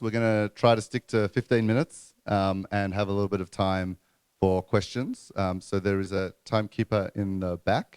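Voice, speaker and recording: A man's voice: on the low side, a little mellow, clear, resonant tone, dry recording. A man hosting a conference session, making announcements and introducing speakers in a loose style full of fillers. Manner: loose, filler-heavy speech. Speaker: event host. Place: conference room before an audience.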